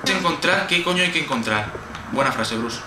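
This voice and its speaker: This gameplay host, a man from Spain with a Spanish accent, speaks at a normal pace in an expressive, rather high voice. He's playing a horror game for viewers, jittery and startled, cursing all the while. A distant mic captures him in a roomy space full of background noise.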